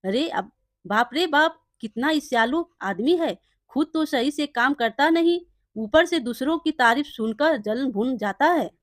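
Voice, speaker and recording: A woman's voice: high-pitched, lively intonation, measured pace, no echo, studio quality. A woman doing a gossipy village customer. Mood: scornful. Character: chatty male village customer.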